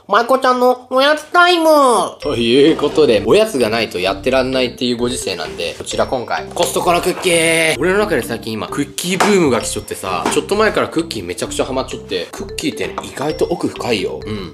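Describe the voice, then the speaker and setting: A young man with a western Japanese accent, chatting casually to the camera as he eats in a mukbang. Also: mid-range voice. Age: young adult. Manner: talks to camera while eating and tasting. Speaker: mukbang host. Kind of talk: casual mukbang eating chat. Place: small room at home.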